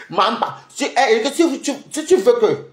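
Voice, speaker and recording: Young male streamer, mocking and combative, pitch swinging widely, echoey room. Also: darkish tone. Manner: taunting, mocking, rapid-fire. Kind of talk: heated livestream rant.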